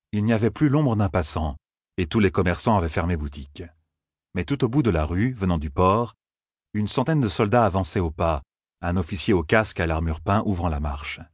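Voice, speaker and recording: A man narrating an audiobook in a steady, measured storytelling manner. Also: sits low, no echo, studio quality. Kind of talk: scripted narration.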